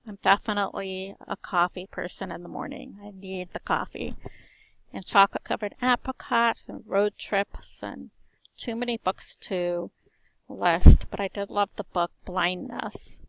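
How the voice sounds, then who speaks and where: Unhurried and gravelly, a mid-range female voice belongs to a teacher in her forties giving a personal self-introduction. She's strong and carrying, with a slight S slur, and lists items in short, even phrases. The recording is dry, with the highs cut off.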